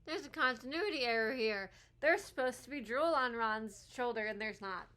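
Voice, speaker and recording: A woman's voice: fairly high pitch, moderate pace. A woman giving casual, slangy reaction commentary as host, her speech slightly off from wearing a retainer. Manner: animated, slangy, frequent "like". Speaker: host of a movie commentary video.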